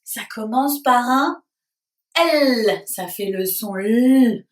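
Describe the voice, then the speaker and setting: A woman's voice: fairly high pitch, animated, recorded from a distance. Sing-song woman teaching small children. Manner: slow, sing-song teacher voice, asking questions and praising. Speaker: preschool teacher. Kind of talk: lesson for young children at home. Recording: roomy echo, voice a little off-mic.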